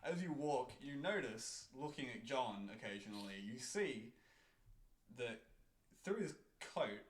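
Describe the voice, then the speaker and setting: A man runs a tabletop game, narrating at a slow, unhurried pace full of ums and pauses. He keeps his voice at an ordinary middle pitch. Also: expressive, a little hiss or hum. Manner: slow, halting narration with many ums and frequent laughter. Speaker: game master.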